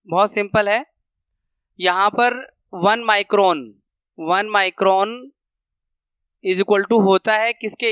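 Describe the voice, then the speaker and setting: A man teaching a maths lesson, counting steps out loud and repeating the rules for students to remember, speaking terms. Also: high-pitched, clear, resonant tone, dry recording. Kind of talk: classroom lesson explanation.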